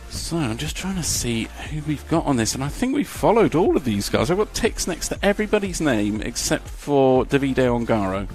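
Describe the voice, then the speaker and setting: A man's voice: medium pitch, sing-song, normal speed, few pauses, a little mellow, faint music behind. A man doing live race commentary, chatty and jokey as he reads out lap times.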